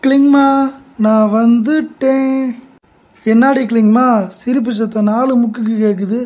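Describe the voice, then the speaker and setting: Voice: mid-range voice, fairly even intonation, a little slow, a little mellow, lightly acted. A young performer voicing a mild, puzzled older father-in-law in a family comedy skit. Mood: placating.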